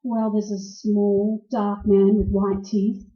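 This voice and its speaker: A woman acts a young femme fatale in a 1940s-style radio play, pleading and breathy with a melodramatic edge. The sound is roomy and slightly dull. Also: medium pitch, flat delivery, takes it slowly, mellow, close to an everyday voice. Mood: fearful, evasive.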